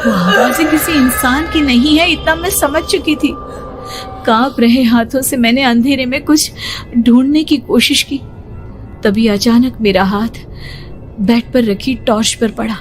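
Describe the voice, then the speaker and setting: A young woman tells a cartoon horror story in the first person, unhurried and high in pitch. Her tense, breathless telling breaks into sudden cries, over faint background music. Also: fairly even intonation.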